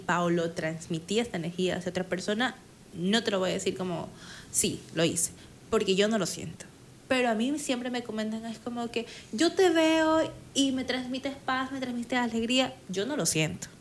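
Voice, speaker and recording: A woman talking casually in a conversation, chatty and quick to act out small quoted moments. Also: fairly high pitch, slight background noise.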